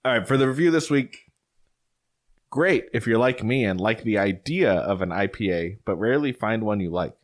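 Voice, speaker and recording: A man co-hosting a casual beer podcast, rambling in relaxed chat. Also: on the low side, normal speed. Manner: relaxed, rambling, full of fillers like "like" and "you know". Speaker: podcast co-host.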